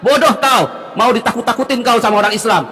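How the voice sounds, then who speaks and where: A man's voice: extremely high pitch, quick pace, in a large hall. A man in his late forties preaching on a live stream, arguing heatedly and hurling insults at a caller. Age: 40s. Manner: shouting, insulting, domineering.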